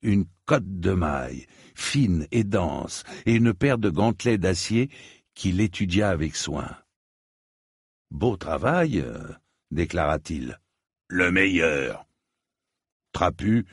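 A man narrating a story as an audiobook, in a slow, measured reading. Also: low-pitched, a little mellow, breathy edge, no echo, studio quality.

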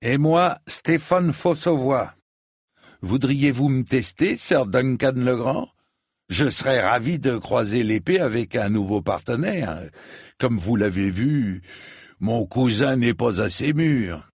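A man's voice: medium pitch, animated, slow, breathy edge, no room sound, studio quality, voice pushed up, exaggerated voice. A man voicing a haughty, mocking adult knight in an audiobook, raised well above his own voice and full of scorn. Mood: taunting. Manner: sneering, theatrical.

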